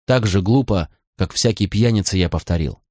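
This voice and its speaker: A man reading an audiobook in a low, hushed, subdued voice. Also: moderate pace, dry recording, clean studio sound. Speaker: audiobook reader. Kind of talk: scripted narration.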